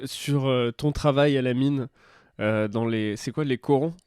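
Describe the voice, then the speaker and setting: A man's voice: mid-range voice, a little slow, darkish tone, clean tone, no room sound, clean studio sound. Hesitant podcast co-host, a man. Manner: hesitant, many fillers and restarts. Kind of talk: casual podcast banter.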